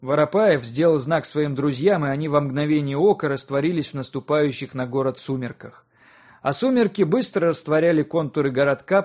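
A man reading a literary audiobook as narrator, in an even, measured storytelling manner. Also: a little high.

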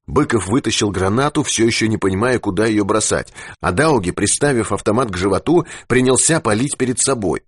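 A man reading an adventure novel aloud as an expressive audiobook narrator. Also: lowish voice, brisk, few pauses, breathy edge, no echo, clean studio sound.

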